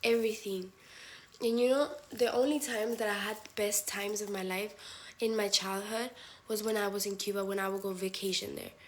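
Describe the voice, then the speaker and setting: A woman raised in Spain hosts a livestream, chatting with viewers candidly, bluntly, and with plenty of profanity while slipping in Spanish phrases. Her medium-pitched voice stays fairly even at a moderate pace.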